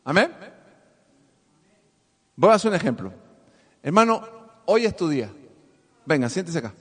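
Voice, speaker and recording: High-voiced man preaching in a reverberant hall. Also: big pitch swings, normal speed, breathy edge. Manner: preaching with call-and-response, swinging from soft asides to loud emphasis. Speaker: pastor. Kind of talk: sermon. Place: church hall with congregation.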